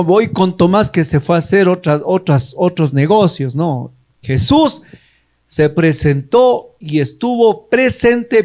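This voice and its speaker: Male preacher, high-pitched, emphatic sermon delivery with acted-out exchanges. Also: a little mellow. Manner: emphatic, acts out quoted dialogues, repeats phrases. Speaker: preacher in a charismatic prayer group.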